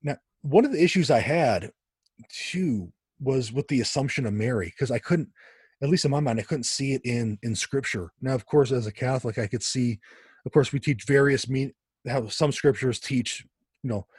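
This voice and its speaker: Man, podcast guest, husky dry voice, animated storyteller who restarts his sentences. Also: medium pitch, moderate pace, dry recording. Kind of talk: conversational storytelling.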